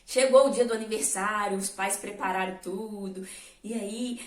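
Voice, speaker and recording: A woman's voice: medium pitch, steady tone, normal speed. A woman, a weight-loss coach telling stories in a casual motivational talk. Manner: chatty storytelling with laughs. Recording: echoey room, distant mic.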